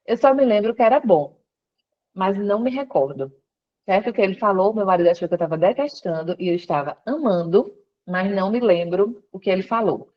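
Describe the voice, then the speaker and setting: A woman speaks from her workplace over a call line that sounds a little dull and lo-fi. She tells her story at an everyday pitch, switching into other people's voices as she quotes them. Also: brisk. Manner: storytelling, quoting others with lively voice shifts. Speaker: guest. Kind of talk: conversion testimony interview.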